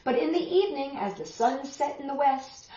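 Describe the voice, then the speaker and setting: Seated on a sofa in a small room at home, a middle-aged woman reads a picture book aloud for a children's storytime. She's expressive and dramatic, speaking straight to young listeners at a moderate pace, her pitch swooping up and down. The home video sound is roomy and a bit dull.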